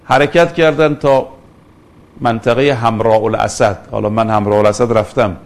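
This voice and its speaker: A man's voice: mid-range voice, fairly even intonation. Man giving a religious lecture. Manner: storytelling, quotes Arabic scripture slowly.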